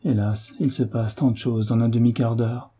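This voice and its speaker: Give me a man playing a frightened young mother, urgent and anxious, in a dark, husky voice. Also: mid-range voice, little pitch movement, normal speed, lightly acted.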